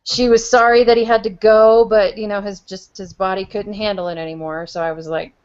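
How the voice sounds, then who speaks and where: A middle-aged woman co-hosting a talk show, chatting casually and telling stories in an animated way. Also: medium pitch, fairly quick, smooth, lo-fi sound. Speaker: co-host of a paranormal talk show. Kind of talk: casual chat and storytelling. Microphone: video call.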